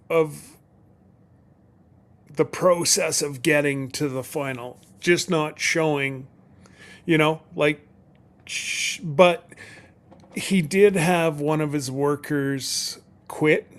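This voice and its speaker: A middle-aged man chatting casually on a live stream as co-host, rambling and folksy with many restarts. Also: fairly high pitch.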